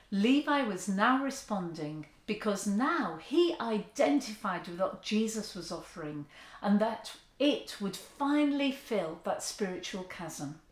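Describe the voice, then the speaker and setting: An earnest woman in her fifties preaches to the camera from her sofa, her voice rising and falling in wide, lively swings. The room around her is echoey, and her hands move as she talks. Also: mid-range voice. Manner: earnest, expressive, with open hand gestures. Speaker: church speaker. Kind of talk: sermon talk to camera. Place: living room, seated on a sofa indoors.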